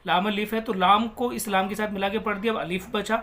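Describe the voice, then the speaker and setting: A man teaching Quran reading, spelling out letters and vowel marks one by one and then reciting the words slowly and drawn out. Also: high voice, fairly even intonation, pushed and bright.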